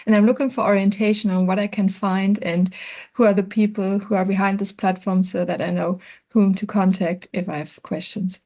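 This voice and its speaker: A woman's voice: mid-range voice, fairly even intonation, moderate pace, warm tone, lo-fi sound. A woman from Germany, a project manager, introducing herself carefully on a video call. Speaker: project manager, webinar participant.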